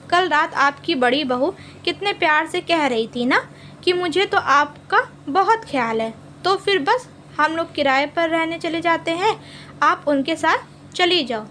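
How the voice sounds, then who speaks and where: A woman's voice: sits high, slight background noise. A woman playing a biting, defiant young wife. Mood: sarcastic. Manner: loud, biting, outspoken. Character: sharp-tongued young wife, defiant daughter-in-law.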